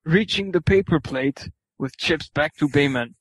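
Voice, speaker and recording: A man's voice: a little high, unhurried, no echo, low-quality recording. A man reading fan fiction aloud for laughs, stumbling over words and swearing at the text. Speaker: reader.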